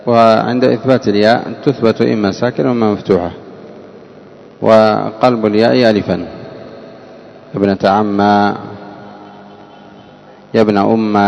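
A low-pitched man gives a grammar lesson. He keeps asking his students questions, then repeats their answers back to them. His voice carries a long reverb, as in a large hall. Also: gravelly, a little mellow, highs cut off. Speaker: teacher of Arabic grammar. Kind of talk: classroom lesson on a grammar text.

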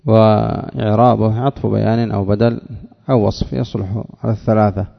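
Gravelly-voiced man teaching in a hall. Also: on the low side, little pitch movement. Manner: measured, repeats phrases to drive points home. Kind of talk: grammar lesson explaining a text. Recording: dull lo-fi sound with long hall reverb.

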